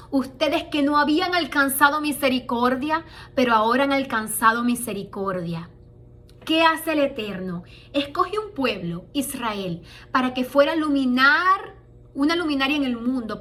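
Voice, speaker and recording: A woman's voice: high-pitched, bright, forceful tone. A woman preaching a sermon, asking rhetorical questions and reading scripture with emphasis.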